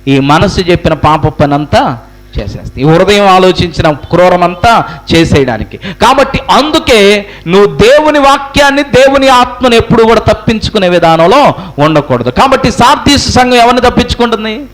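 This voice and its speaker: A man's voice: high voice, animated, brisk, low-quality recording. A pastor preaching a sermon to his congregation, firing rhetorical questions and repeating phrases for emphasis. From India.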